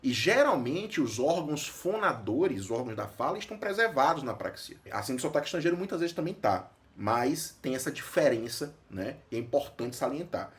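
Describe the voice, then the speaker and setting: A Brazilian man explains a medical topic with a lively voice that rises and falls widely in pitch. He sounds like a neurologist giving an educational talk. He keeps asking questions and then answers them himself. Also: brisk. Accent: Brazilian Portuguese. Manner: didactic, asks and answers his own questions.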